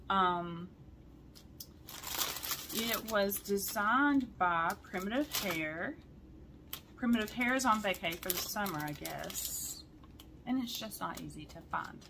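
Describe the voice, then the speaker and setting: A woman, chatting excitedly to her viewers in a cross-stitch vlog and often saying y'all. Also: mid-range voice, slight background noise. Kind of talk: casual chat to viewers.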